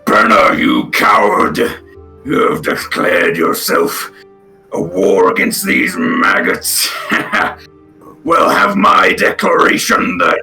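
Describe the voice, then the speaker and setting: A man voicing a taunting enemy rider whose magically amplified voice booms from the sky while he narrates a tabletop game. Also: wildly swooping pitch, slow pace, vocal fry, pushed and bright, faint music behind, exaggerated voice. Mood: taunting, shouting. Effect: magically amplified booming voice that shakes the ground. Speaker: game master.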